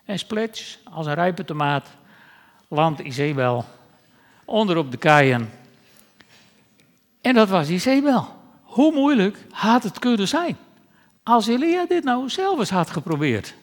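Man preaching a sermon, fairly high voice, conversational and wry, long church reverb. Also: very animated, slow pace, long pauses.

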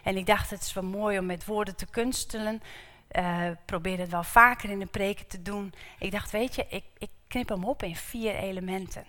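A woman preacher giving a sermon in a church, animated, asking the congregation rhetorical questions and repeating words for emphasis. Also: mid-range voice, moderate pace. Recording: reverberant church hall.

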